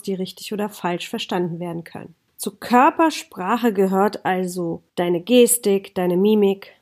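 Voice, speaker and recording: A woman's voice: mid-range voice, a little mellow. A woman hosting a podcast, explaining points in lists and speaking directly to her listener. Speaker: podcast host. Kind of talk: informal podcast lecture.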